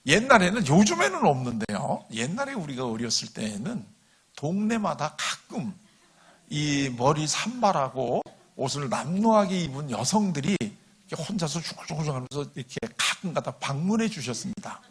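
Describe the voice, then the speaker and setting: A man's voice: on the high side, big pitch swings, moderate pace, slightly rough. An older man speaking as a guest lecturer at a church meeting, in a conversational style, often putting questions to the audience and chuckling along.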